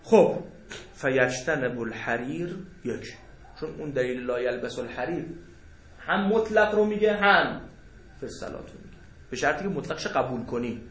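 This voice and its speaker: A man's voice: mid-range voice, animated, fairly bright tone. A man teaching a seminary jurisprudence class, joking and asking rhetorical questions as he explains. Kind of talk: jurisprudence lecture to students. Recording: echoey room.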